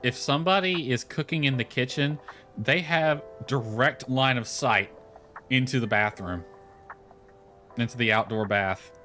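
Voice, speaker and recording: Over background music, this man streams a game and thinks out loud in loose, wandering commentary. He has a mid-range voice with a sharp tone and talks a little slowly.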